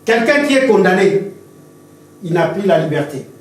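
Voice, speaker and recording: High-voiced pastor preaching in an echoey hall. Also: male voice, big pitch swings, moderate pace. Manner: impassioned preaching with repetitions and storytelling. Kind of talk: sermon. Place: church hall. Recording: very echoey church hall, distant mic.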